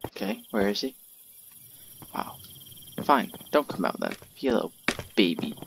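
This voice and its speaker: A young man hosting a gaming channel, giving let's-play commentary in a jumpy, excitable way, yelping and trash-talking the monster. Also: lowish voice, moderate pace, creaky, slight background noise. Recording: loud game sounds with crickets behind.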